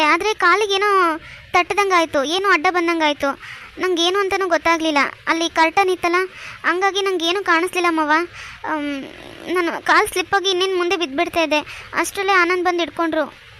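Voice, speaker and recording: A young pregnant wife in a village cartoon, gentle and easily frightened, as a woman voices her. The voice is high and bright, with an anxious, pleading tone. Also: a little hiss or hum. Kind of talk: cartoon voice acting.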